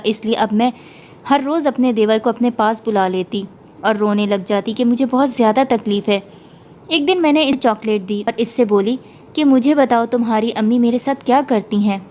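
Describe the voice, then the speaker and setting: A woman storyteller reading an emotional first-person story in a steady, emotive way. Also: medium pitch, a little hiss or hum. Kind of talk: scripted story narration.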